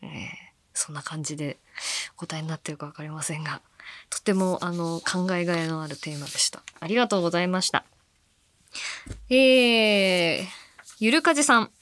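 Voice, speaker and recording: A woman from Fukuoka hosting a radio show, chatting casually and musing aloud, with soft-spoken asides between her points and listener mail. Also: fairly low pitch, normal speed, long pauses. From Fukuoka, Japan. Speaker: radio host.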